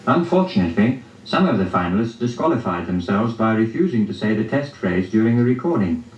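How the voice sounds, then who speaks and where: A man formally presenting a contest as host, in a polite, measured manner. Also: on the low side, animated, a little mellow. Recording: dull, roomy, distant archival audio.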